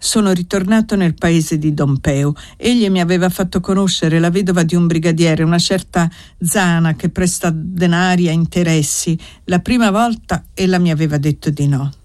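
A man's voice: a little high, normal speed, few pauses, a little mellow, dry recording, studio quality, natural voice. A reader voicing Paolo, a young indebted nobleman who coaxes his lover and lies to her. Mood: coaxing. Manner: urgent, coaxing, lying.

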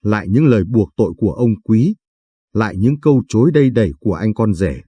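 A man reads a story aloud in a calm, measured way. His voice is low, dark and mellow with a husky grain, recorded dry and close. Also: no room sound. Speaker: narrator. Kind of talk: scripted story narration.

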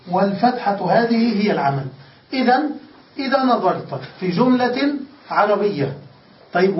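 High-voiced male teacher, echoey and distant. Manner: asks questions and answers them himself. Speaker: Islamic grammar teacher. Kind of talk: classroom lesson on Arabic grammar. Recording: echoey, distant, dull lecture recording with faint hiss.

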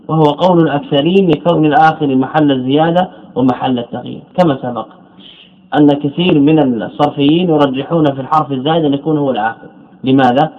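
Man lecturing on grammar, lo-fi recording. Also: fairly high pitch. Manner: drawn-out syllables on example words, repeating terms and correcting himself. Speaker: Islamic scholar teaching Arabic morphology. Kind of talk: classroom lecture explaining a text.

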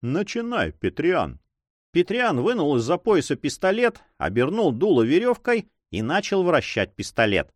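A man reads an adventure novel aloud in an expressive, dramatic style. His intonation is animated and varied. The voice is recorded close and dry. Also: a little high, moderate pace, few pauses, no room sound. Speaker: narrator. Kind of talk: audiobook reading.

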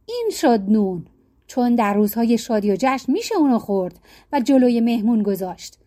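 A woman reading a storybook, voicing an old king who proclaims his words slowly and commandingly. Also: fairly high pitch, big pitch swings, dark tone. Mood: proclaiming.

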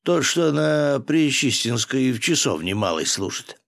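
A man's voice: medium pitch, sing-song, unhurried, gravelly, a bit bright, no echo, clean studio sound, voice pushed up, heavily acted. A man playing a self-important boastful soldier.

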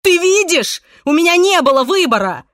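A woman's voice: medium pitch, expressive, normal speed, no echo, studio quality, natural voice. A woman reading aloud and voicing an obsessive young man who pleads desperately and threatens coldly, in an audiobook. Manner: pleading then cold and threatening.

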